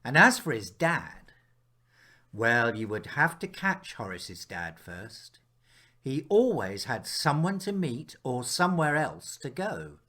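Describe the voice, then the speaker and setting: In this clip, an author slowly reads his children's picture book out loud. His voice moves up and down animatedly, and as a storyteller he pauses for drama and drops to a hush at times.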